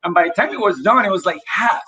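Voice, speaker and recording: Over a video call, a real estate agent from the Dominican Republic recounts his story as an interview guest, animated and full of fillers. His high voice moves fast, with lively intonation and a pushed, bright quality.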